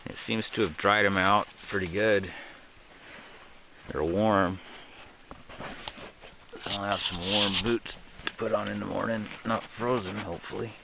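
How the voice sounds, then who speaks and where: A man's voice: on the low side, fairly even intonation, measured pace, vocal fry, long pauses. Matter-of-fact man camping in snowy woods. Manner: plain, matter-of-fact, explains as he works. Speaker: winter camper filming his trip. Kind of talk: casual outdoor narration. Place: snowy forest campsite, outdoors. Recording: loud outdoor background noise.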